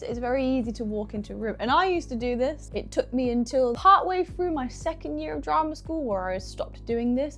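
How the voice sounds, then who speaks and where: Young woman, northern English accent, casual advice vlog, animated, faint background music. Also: fairly high pitch. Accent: northern English regional. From Midlands or North of England. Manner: chatty, animated, acts out little voices in quotes. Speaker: actor giving audition advice.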